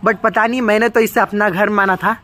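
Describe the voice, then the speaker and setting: A chatty young man vlogs in an outdoor city park on a handheld phone, speaking briskly in a high, bright, forceful voice with fairly even intonation. He mixes English into Hindi and says "guys" often during the casual walk-through.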